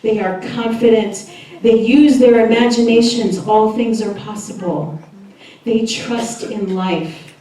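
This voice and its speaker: A woman minister giving a chatty, lively sermon and laughing often as she talks with the congregation. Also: fairly high pitch, slow, slight background noise. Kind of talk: sermon with audience interaction. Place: church hall. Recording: echoey hall, voice from far off.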